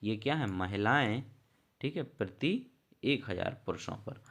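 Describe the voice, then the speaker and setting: A man's voice: fairly low pitch, lively intonation, a little slow, gravelly, fairly bright tone. A man teaching an online exam prep lesson, reading out questions and explaining answers in a casual, chatty way. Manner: reads questions aloud, then explains answers and addresses viewers directly; casual, chatty, calls viewers brother and friend.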